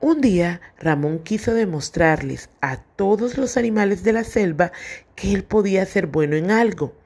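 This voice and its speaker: A woman's voice: mid-range voice, lively intonation, normal speed, a little mellow, slightly rough. A woman teaching children letter sounds and reading a picture book aloud, articulating each word carefully.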